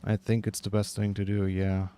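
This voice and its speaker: A man's voice: lowish voice, completely flat delivery, normal speed, dark tone, clean tone, no room sound. A man with a German accent giving casual, chatty commentary while gaming, saying "like" often and swearing freely. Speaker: streamer.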